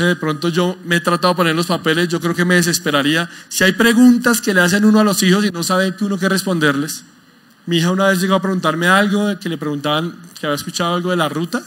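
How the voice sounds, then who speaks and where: Brief: male pastor, high-pitched voice, emphatic sermon delivery, quizzes the congregation. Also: a bit bright. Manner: asks the congregation questions, emphatic.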